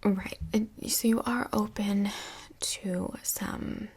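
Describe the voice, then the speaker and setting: In a soft-spoken, breathy ASMR role play that's mostly whispered, a woman with a mid-range voice plays a calm, reassuring couples' counsellor. She sounds gentle, measured, and patient.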